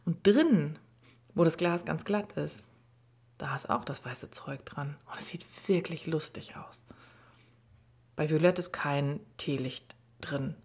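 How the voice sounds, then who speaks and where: Low, husky woman reading a children's story. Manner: gentle, sometimes half-whispered narration.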